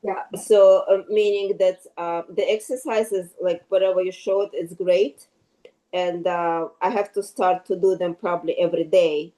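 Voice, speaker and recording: Older woman, 60s, class participant on a video call; slow, hesitant, warm low tone. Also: steady tone, poor audio. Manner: hesitant, many fillers and restarts. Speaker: class participant asking a question. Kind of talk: halting question on a video call. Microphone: computer on a video call.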